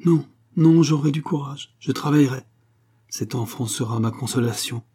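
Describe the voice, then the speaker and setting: A man's voice: medium pitch, normal speed, mellow, husky, close to an everyday voice. A man reading a novel aloud and voicing a fervent, pleading young pregnant woman. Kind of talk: audiobook reading.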